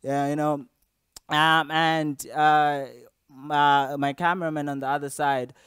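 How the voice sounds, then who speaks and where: Smooth-voiced young man telling a rambling story. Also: a little high, little pitch movement, takes it slowly, a bit bright, no echo, studio quality. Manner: rambling, with many fillers and restarts. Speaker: interviewer recounting an incident. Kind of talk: casual storytelling to camera.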